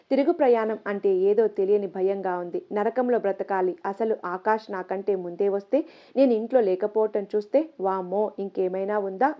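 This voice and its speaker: Woman, storyteller, first-person narration, soft steady reading, mid pitch, lo-fi sound. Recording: slightly dull lo-fi audio.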